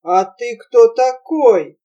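A woman voicing a coarse, mocking old merchant father who talks slowly and loudly, recorded from a distance. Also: fairly high pitch, animated, dull audio. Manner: jeering, slow and loud.

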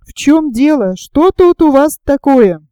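A woman reading an audiobook, voicing a flustered female train conductor who scolds in a shrill, tearful voice. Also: expressive, a little slow, warm tone, no room sound. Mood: annoyed.

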